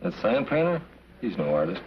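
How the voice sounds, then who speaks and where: An actor playing a cool, mercenary rancher man in debt, smooth and offhand. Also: medium pitch, sing-song, a little fast. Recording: dull 1950s TV soundtrack with faint hiss.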